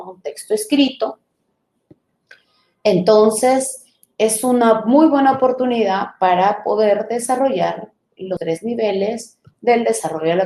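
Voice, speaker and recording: A woman teacher trainer giving a live online lecture, explaining patiently, sounding out syllables slowly and checking in with her listeners. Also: mid-range voice, darkish tone, roomy sound.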